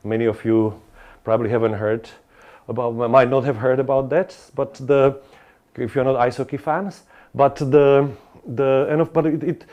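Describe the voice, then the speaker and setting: Male lecturer, rambling delivery, frequent restarts and asides to the room, mid-range pitch. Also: fairly even intonation, moderate pace, dull audio. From Slovakia. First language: Slovak. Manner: discursive, many restarts and asides to the audience. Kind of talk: academic lecture.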